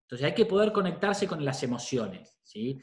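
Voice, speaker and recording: In a reverberant recording, a very animated middle-aged Argentine psychologist speaks at normal speed in a slightly high voice. With his Rioplatense accent, he talks informally and conversationally to parents, frequently checking in with "¿sí?".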